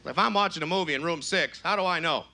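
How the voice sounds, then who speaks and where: A man doing a stand-up comedy routine, jumping into loud high-pitched voices when he quotes people. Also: quick pace, vocal fry. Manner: shouts high falsetto quotes of other people.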